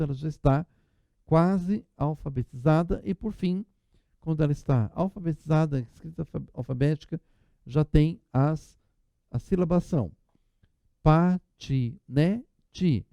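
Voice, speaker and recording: A man delivers a recorded exam-prep lecture, walking listeners through examples one at a time. His voice is gravelly and deeply dark, though pitched a little high for a man. The sound is dry and somewhat dull, like a lo-fi recording. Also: no room sound. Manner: explanatory, walks through examples aloud. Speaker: teacher.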